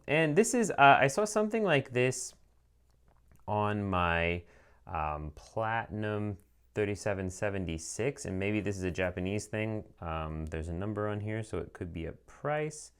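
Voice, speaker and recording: Low-voiced man chatting through an unboxing. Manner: chatty, dry sarcastic asides, many ums. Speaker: pen reviewer. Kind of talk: casual unboxing review.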